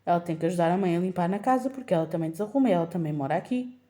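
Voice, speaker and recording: Young European Portuguese woman, low warm voice, emphatic storytelling mom vlogger. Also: rapid-fire. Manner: emphatic, animated retelling. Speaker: mother of a toddler. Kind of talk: casual storytelling vlog.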